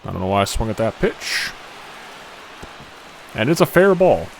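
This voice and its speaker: A young man giving excitable play-by-play commentary on a video game, shouting on big hits and muttering quieter asides. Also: on the low side, normal speed, gravelly, a little hiss or hum. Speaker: gaming YouTuber.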